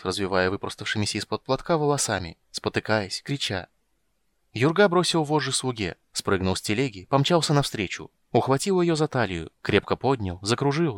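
Man reading an audiobook, calm and even, dry close mic. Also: mid-range voice, moderate pace, no echo. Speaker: narrator. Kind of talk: audiobook narration.

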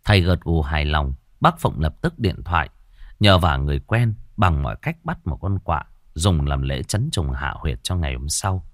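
A man narrating a ghost story with expressive delivery. His very low voice moves in a lively way. The recording is dry and close. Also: normal speed, dry recording.

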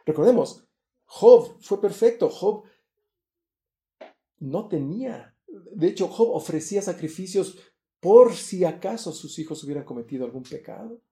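A man preaching a sermon, earnest and emphatic, his voice rising louder and higher on key points. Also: animated, a little slow, pauses often, roomy sound.

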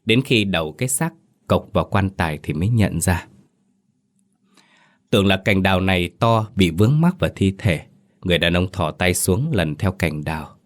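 A man narrating a horror story in a steady, grave manner. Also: low voice, moderate pace.

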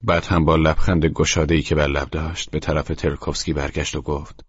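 A man narrating an audiobook in a quiet, measured way, sometimes dropping close to a whisper. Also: very deep voice, level tone, husky, dry recording. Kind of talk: scripted narration. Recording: dry, dull lo-fi studio recording.

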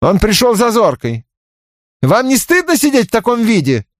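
A man's voice: high-pitched, huge pitch swings, moderate pace, dry recording, studio quality, voice pushed up. A man playing a curt, growling angry man. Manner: curt, snapping.

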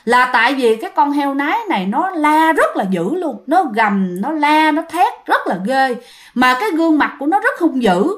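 A woman's voice: high voice, sing-song, moderate pace. A woman narrating a ghost story in a chatty way, speaking directly to her listeners.

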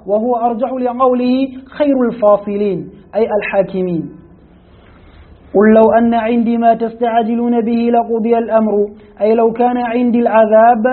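A man reading a classical commentary aloud in a lesson, carefully, with stumbles and restarts. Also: extremely high pitch. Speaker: student reading the text aloud. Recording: tinny phone-like lo-fi audio.

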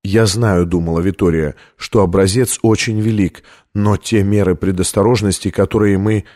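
A man's voice: low voice, fairly even intonation, moderate pace, darkish tone, pitched below the performer's own voice, lightly acted. Man reading as a firm young woman scientist.

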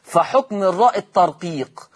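A man's voice: high-pitched, animated, moderate pace, husky. A man with an Egyptian Arabic accent teaching Quran recitation on a televised lesson, patiently repeating each rule and quizzing his listeners.

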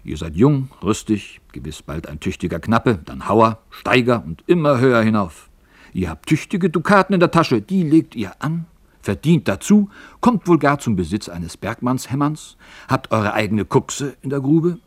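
A man's voice: medium pitch, big pitch swings, moderate pace, husky, no echo, pitched above the performer's own voice. A man voicing an old miner who gives earnest counsel and flares up in anger. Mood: persuasive. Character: old male miner, wise, persuasive, quick to anger.

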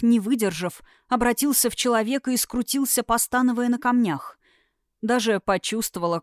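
Expressive woman narrating an audiobook. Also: medium pitch, no room sound, clean studio sound. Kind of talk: dramatic fantasy audiobook narration.

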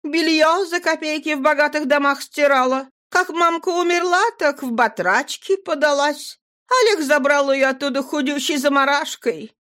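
A woman reading an audiobook and voicing a blunt teenage girl, a young sorceress who talks in a quick, insistent, matter-of-fact way. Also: high voice, fairly bright tone, pitched above the performer's own voice.

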